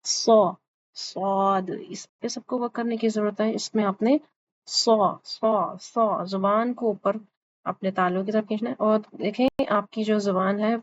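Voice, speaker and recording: Speaking in a mid-range voice with fairly even intonation, a woman teaches Quran pronunciation to an online class. She says each letter sound patiently and repeats it for her students to follow. Faint hiss runs through the slightly dull, lo-fi recording.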